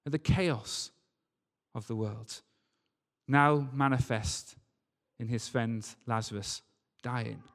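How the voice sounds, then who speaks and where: Speaking in a mid-range voice and taking his time, a man leads his congregation in a forceful sermon. He returns again and again to rhetorical questions and repeated lines, with the hall's reverberation audible around him.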